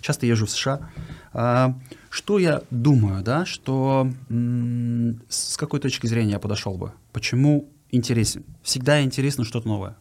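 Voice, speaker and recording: A man's voice: medium pitch, normal speed, a little mellow. Earnest man. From Uzbekistan. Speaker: guest giving his views. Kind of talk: conversational interview talk.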